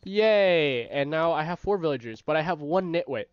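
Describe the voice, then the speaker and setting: A man with a stuffy nose giving casual, rambling gameplay commentary as the host of his own gaming channel, often correcting himself and getting excited. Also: a little high, fast, no room sound. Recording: dry, slightly dull home recording.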